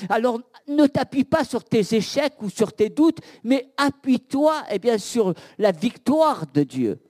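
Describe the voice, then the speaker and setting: A man preaching a sermon, halting with many fillers and repeated words, and asking the listeners direct questions. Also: very high-pitched, very animated, a little mellow. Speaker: pastor.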